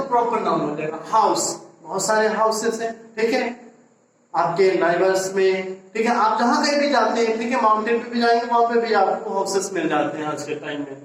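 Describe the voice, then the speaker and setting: Slow Indian male teacher, echoey room. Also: sits high, distant mic. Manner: mixes Hindi and English, repeats "ठीक है" often; slow, deliberate explaining with frequent rhetorical questions. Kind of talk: classroom grammar lesson.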